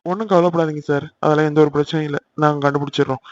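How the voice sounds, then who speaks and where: A man voicing a polite, dutiful police officer who questions a victim in a courteous, matter-of-fact way, in an amateur animated serial. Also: on the high side, very fast, muffled recording, close to an everyday voice.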